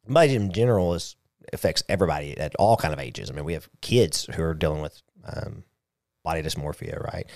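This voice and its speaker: A man's voice: low voice, no room sound, clean studio sound. A man hosting a podcast, chatting casually and tagging his points with little questions. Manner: conversational, tag questions and fillers. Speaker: podcast host.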